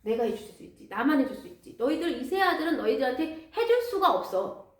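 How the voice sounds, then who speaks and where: A woman's voice: high voice, lively intonation, normal speed. A woman acting out an angry, paranoid old king who scolds and threatens his servants. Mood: threatening. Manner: shouting, scolding rhetorical questions. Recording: echoey church hall, mic far off.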